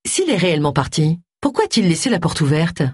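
A woman's voice: lowish voice, sing-song, fast, darkish tone, slightly rough, no echo, clean studio sound. A woman voicing a bossy, impatient middle-aged woman detective who talks bluntly and insistently. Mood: probing.

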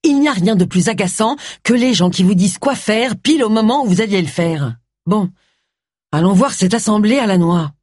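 A woman voicing a sharp-tongued, grumbling middle-aged amateur detective in an audiobook. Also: medium pitch, expressive, dry recording, clean studio sound, pitched above the performer's own voice, close to an everyday voice. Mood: indignant. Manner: indignant, grumbling, quick retorts.

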